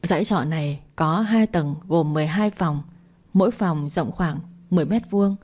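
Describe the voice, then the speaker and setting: A woman narrating a first-person story at a steady, even storytelling pace. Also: sits low, normal speed.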